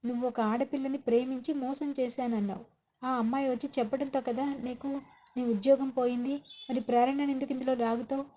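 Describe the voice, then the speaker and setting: A woman voicing a furious middle-aged mother who shouts insults and threats, in a spoken serial recap. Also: sits high, little pitch movement, fairly quick, a little hiss or hum, natural voice.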